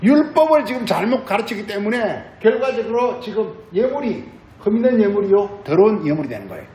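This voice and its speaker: A man's voice: high voice, big pitch swings, a little fast, darkish tone, reverberant, rough recording. A male pastor giving a sermon, repeating phrases and asking the congregation questions. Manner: repetitive, asks the congregation questions.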